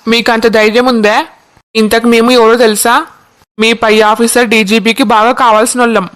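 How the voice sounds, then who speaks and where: A man's voice: very high-pitched, little pitch movement, moderate pace, a bit bright, clean tone. A voice artist doing a cocky young cartoon man. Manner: boastful, cheeky. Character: brash cocky young man who boasts of connections.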